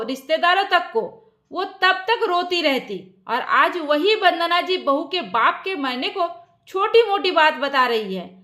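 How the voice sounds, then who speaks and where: A woman narrating an emotional family story in a steady, expressive storytelling voice. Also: sits high.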